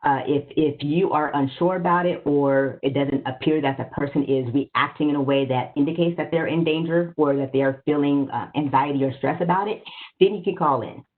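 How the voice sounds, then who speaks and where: A woman's voice: low voice, a little fast. Woman presenting a webinar over a thin line. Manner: conversational, asks for slides, frequent "right?". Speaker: workshop presenter. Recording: phone-like narrow audio.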